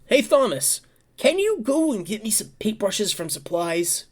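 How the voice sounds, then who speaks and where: A woman voicing a gruff, exasperated male drill sergeant who talks bluntly and swears. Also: medium pitch, big pitch swings, measured pace, pitched above the performer's own voice.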